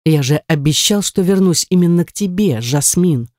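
Audiobook heavy: woman reader doing a snarling jealous young man, lowered voice, mellow and dry. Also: animated, normal speed, dry recording, close to an everyday voice. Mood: menacing. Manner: snarling, sneering. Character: menacing jealous young man, cruel and mocking.

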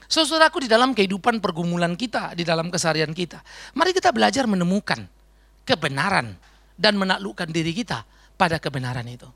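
Man, Indonesian accent, pastor, sermon, gravelly, wide-ranging pitch, dry recording. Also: quick pace, dry recording. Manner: lively preaching, acts out quoted voices.

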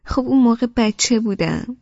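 A woman's voice: a little high, lively intonation, creaky, darkish tone, no room sound, voice pushed up. Woman voicing a sulky, sensitive young woman. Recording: dull, dry studio audiobook.

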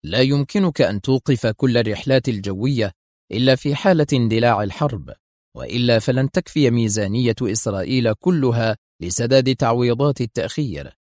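A man's voice: mid-range voice, animated, fairly quick, a little mellow, dry recording, clean studio sound, close to an everyday voice. A man voicing an irritable male intelligence officer who argues sharply and insistently. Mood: firm, agitated.

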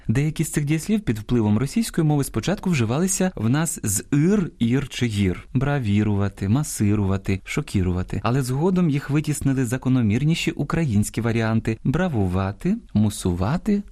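A man hosting an educational radio program on language, explaining words in a measured way and stressing each example. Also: mid-range voice, expressive, mellow. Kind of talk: scripted educational radio talk.

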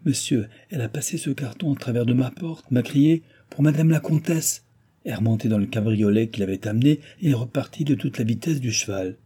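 A man's voice: mid-range voice, a little fast, warm tone, slightly rough, voice pushed up, close to an everyday voice. A man reading aloud who voices a flustered, deferential male servant explaining himself.

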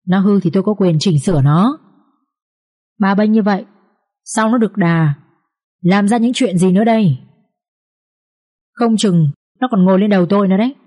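A harsh, imperious matriarch of a rich old household barks orders and threats, as a woman reading the story puts her on. Her voice has a dark, mellow tone, yet every line lands as a command. She rules the house and answers any objection with scorn. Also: medium pitch, lightly acted. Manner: scolding, imperious, shouting threats.

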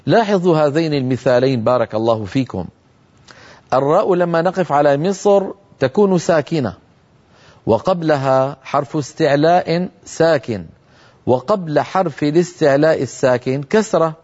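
A man teaching Quran recitation rules in a televised lesson, explaining calmly and chanting the examples slowly. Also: fairly high pitch, highs cut off. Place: television studio.

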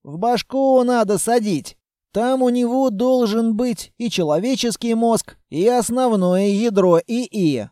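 Excitable sniper, proud of his gun, pitched up high, indignant bursts as a narrator voices him. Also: a little slow, no room sound, clean studio sound. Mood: eager. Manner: indignant, eager.

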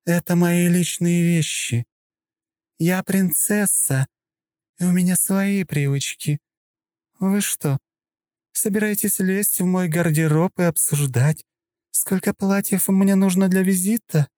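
A man voicing a haughty young princess in an audiobook, speaking coldly, slowly and with contempt. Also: high voice, dark tone, no echo, voice pushed up. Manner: cold, slow, contemptuous, threatening. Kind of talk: audiobook character voice.

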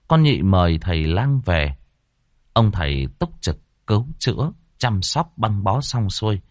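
A male storyteller reading a horror tale with expressive narration. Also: on the low side, no echo, clean studio sound.

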